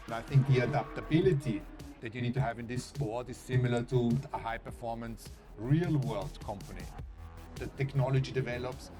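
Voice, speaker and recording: A man giving measured, reflective interview answers. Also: medium pitch, music in the background.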